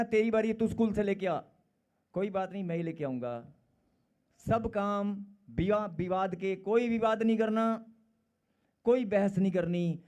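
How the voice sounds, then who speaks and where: Slow, high-voiced emphatic male preacher. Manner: emphatic, repeats phrases, swings from loud to quiet. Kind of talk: sermon.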